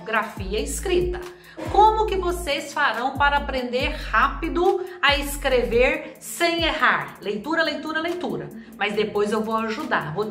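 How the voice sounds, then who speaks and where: Woman grammar teacher, high bright voice, unhurried, echoey room with faint music. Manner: didactic, repeats example words slowly to stress syllables. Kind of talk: video lesson.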